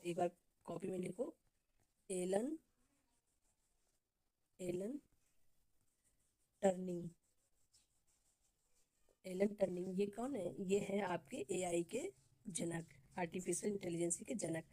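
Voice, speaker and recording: A woman's voice: on the low side, normal speed, warm tone, low-quality recording. A woman teaching an exam-prep class, asking questions and answering them herself and repeating key terms over and over. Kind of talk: Hindi exam-prep lecture.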